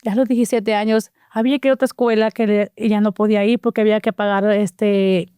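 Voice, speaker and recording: A woman's voice: mid-range voice, fast, smooth, no room sound, clean studio sound. A middle-aged woman, a guest animatedly telling her personal life story and acting out the dialogue. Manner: animated storyteller who acts out quoted dialogue. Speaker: interview guest.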